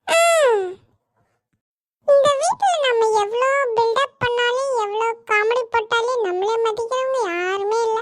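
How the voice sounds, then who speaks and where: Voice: extremely high pitch, unhurried, slight background noise. A performer voicing a whiny, sulky young boy in a family comedy cartoon, complaining tearfully that nobody will play with him. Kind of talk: family comedy skit dialogue.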